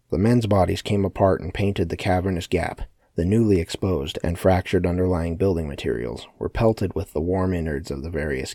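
A man narrating a story as an audiobook in a steady, matter-of-fact way. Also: deep voice, no room sound, studio quality. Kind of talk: scripted narration.

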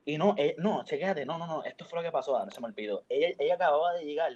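A man's voice: on the high side, lively intonation, rapid-fire, a little mellow, lo-fi sound. A young man, telling a story in slangy, emotive casual chat as a podcast host. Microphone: headphones on, studio mic.

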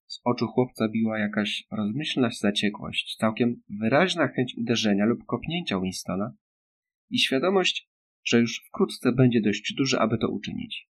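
A man with a mid-range voice narrates an audiobook, giving a steady, measured reading of scripted text.

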